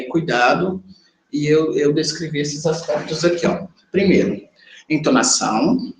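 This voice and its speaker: A man with a Brazilian Portuguese accent lectures a class in a relaxed, conversational way and often checks in with his students. His voice sits a little high. He is recorded in a reverberant classroom with a faint hum of ambience behind him. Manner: talks directly to students, checks in with them. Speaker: sign language interpreting teacher.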